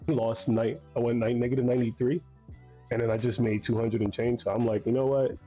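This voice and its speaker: Trading stream host, man, hoarse from losing his voice, mellow and relaxed, dull lo-fi audio with faint music. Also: medium pitch, a little fast. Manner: laid-back, swears casually. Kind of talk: casual trading chat.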